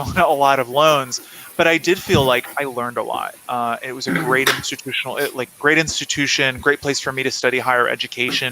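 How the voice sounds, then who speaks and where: A guest author from South Carolina, United States, speaks conversationally and reflectively, explaining things during an interview. His medium-pitched voice is pushed and bright, and the livestream audio is poor with clear background noise.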